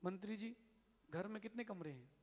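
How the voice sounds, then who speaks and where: High-voiced man preaching in a hall. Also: moderate pace. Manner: lively storyteller acting out dialogue. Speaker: Jain monk preacher. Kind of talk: sermon with storytelling. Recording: long hall reverb.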